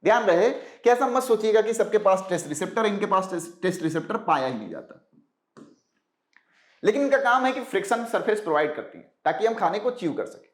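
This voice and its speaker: A man with a noticeably high-pitched voice delivers an exam-prep biology lecture, posing quick rhetorical questions and answering them himself. He repeats key terms slowly and drops English science vocabulary into his speech. The sound is roomy, with a clear echo off the walls. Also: big pitch swings. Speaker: biology teacher.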